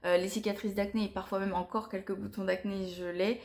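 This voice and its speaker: A young woman reviewing beauty products to camera in a casual, chatty way, often pausing and restarting her sentences. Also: mid-range voice, flat delivery, darkish tone. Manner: chatty and hesitant, frequent pauses and restarts. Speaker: beauty vlogger.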